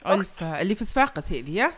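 A woman's voice: medium pitch, sing-song, rapid-fire, a bit bright. Tunisian woman radio host; rattles along at top speed, playful and teasing with callers. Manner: chatty, teasing, laughs often. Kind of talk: casual chat with a young caller on air.

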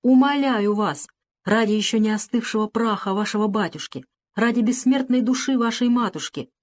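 A woman reading the part of a gentle, devout young enslaved woman in an audiobook, with a tremulous, pleading delivery. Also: a little high, lightly acted.

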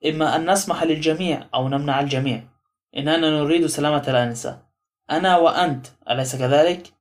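A man's voice: on the high side, quick pace, close to an everyday voice. A man reading the part of a small, fussy, confident male detective in an audiobook, in a coaxing, theatrical manner. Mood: sly, coaxing.

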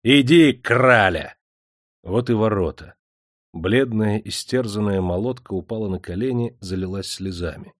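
Dry, measured male audiobook narrator. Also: fairly low pitch, darkish tone, no room sound. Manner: measured, dramatic storytelling. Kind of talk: scripted narration.

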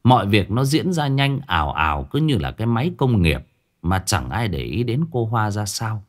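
A man's voice: lowish voice, sing-song, normal speed. A man narrating a ghost story in a colloquial, vivid way, with crude asides.

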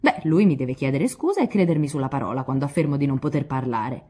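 A woman's voice: very deep voice, animated, quick pace, dark tone, breathy edge, exaggerated voice. A woman reading aloud, voicing a hot-tempered, proud young man who blusters indignantly.

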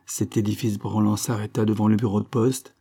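A man narrating a classic novel in a calm, measured audiobook reading. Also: on the low side, husky. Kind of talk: scripted literary narration.

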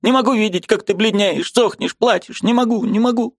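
A man's voice: high-pitched, fairly quick, no echo, clean studio sound, pitched above the performer's own voice. A man voicing an old woman, a fussy, agitated aunt who exclaims, pleads and repeats herself in an audiobook.

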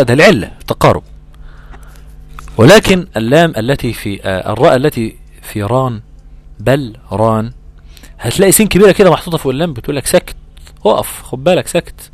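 A man with an Egyptian accent teaching Quran recitation rules in a lively, conversational way, acting out imagined student questions. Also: mid-range voice, no echo. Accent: Egyptian Arabic. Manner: animated, acts out imagined student exchanges, drawn-out recitation examples. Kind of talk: Egyptian colloquial tajweed lesson.

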